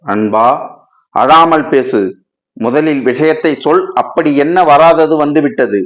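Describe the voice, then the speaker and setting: A man reading as a calm, pressing friend. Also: a little high, unhurried, lightly acted, poor audio. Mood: soothing. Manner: steady, questioning, urging the other to speak plainly. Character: calm male friend, patient but pressing. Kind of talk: storybook reading.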